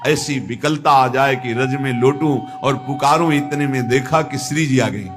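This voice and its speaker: Slow, earnest male spiritual teacher. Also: mid-range voice, music in the background. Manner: chants Sanskrit verses in a slow sung tone between plain explanation; slow, emphatic delivery. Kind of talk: devotional discourse.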